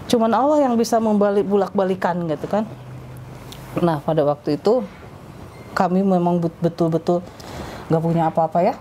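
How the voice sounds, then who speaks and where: A woman guest in a casual interview, telling her life story in a lively way and acting out what others said. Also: lowish voice, normal speed, long pauses, a little hiss or hum.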